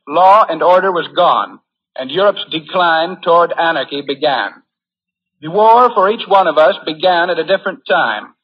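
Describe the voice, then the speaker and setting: A slightly high male voice with a breathy edge delivers an earnest, formal prepared speech. He is an American war correspondent in a 1940s radio address, captured on a muffled, lo-fi recording.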